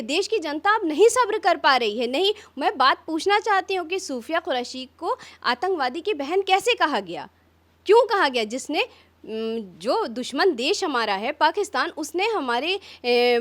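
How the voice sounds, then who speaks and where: A high-pitched woman speaks with fire in a press interview. She piles up rhetorical questions, sharp and insistent, like a politician making her case. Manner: fiery, rapid rhetorical questions. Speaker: opposition politician.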